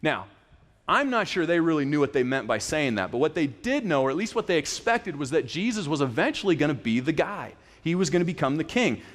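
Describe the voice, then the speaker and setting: A man's voice: fairly high pitch, big pitch swings, brisk. A man in his thirties, a pastor giving a casual, conversational sermon that often restarts its phrases. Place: church sanctuary. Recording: reverberant church hall.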